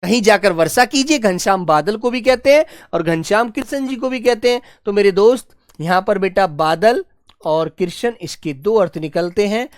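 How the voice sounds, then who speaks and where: A woman teacher giving a Hindi grammar lesson, dictating slowly and repeating phrases for her students to note down. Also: expressive, no echo, studio quality. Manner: acts out quoted dialogue with raised pitch.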